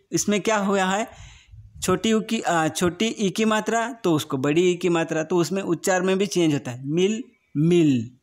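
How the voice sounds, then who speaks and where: A man teaching a grammar lesson to young children, patient and repetitive, often asking whether it is clear. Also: fairly high pitch. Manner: slow and patient, often repeating words and asking if it is understood.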